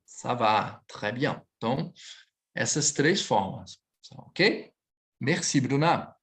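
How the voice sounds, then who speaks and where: Animated man teaching French. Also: mid-range voice. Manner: lively, switches between Portuguese and French, slows to model phrases. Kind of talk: online class correcting students.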